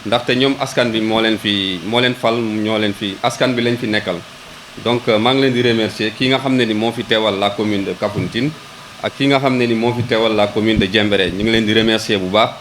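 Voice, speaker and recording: A local government official with a Senegalese accent speaks at a public ceremony, his lowish voice brisk and fairly bright with fairly even intonation. He hesitates, often repeating words while searching for the next one, and moves between Wolof and French. A little hiss or hum sits under the audio.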